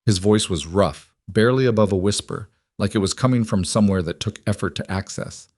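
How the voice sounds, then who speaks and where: A man narrating a dramatic story in a measured, scripted reading. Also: lowish voice, darkish tone, no room sound, studio quality.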